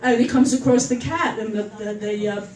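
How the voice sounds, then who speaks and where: A woman's voice: fairly high pitch, moderate pace, a little mellow. A woman in her seventies telling jokes at her own birthday party, chuckling at her own punchlines. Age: 70s. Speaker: birthday party joke teller. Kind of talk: casual stand-up joke telling. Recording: echoey room, far from the mic.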